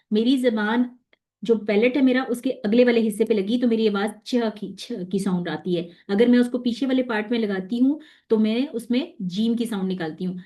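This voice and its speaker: A woman's voice: a little high, warm tone. A woman, teaching a tajweed lesson, patiently demonstrating letter sounds and checking in with her students. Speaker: Quran recitation teacher.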